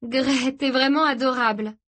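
A woman's voice: high voice, fairly even intonation, unhurried, fairly bright tone, voice pushed up. A woman voicing a playful, pushy teenage girl in an audiobook. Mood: coaxing. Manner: coaxing, wheedling.

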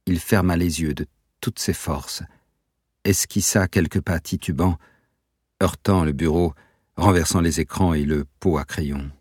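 A man narrating a novel aloud in a measured, even storytelling manner. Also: deep voice, slightly rough, no room sound, clean studio sound. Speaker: audiobook narrator. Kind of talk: scripted narration.

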